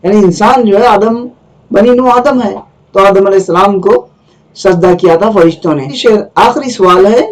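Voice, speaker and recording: A man's voice: high-pitched, poor audio. A man teaching a literature exam-prep lesson, explaining at length and repeating key points.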